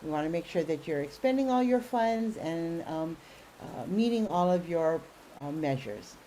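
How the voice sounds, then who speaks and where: Mellow-voiced woman hosting a webinar. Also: fairly low pitch, animated, normal speed, slight background noise, poor audio. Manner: many fillers, friendly and informative. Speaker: webinar host for grantees. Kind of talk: online webinar presentation.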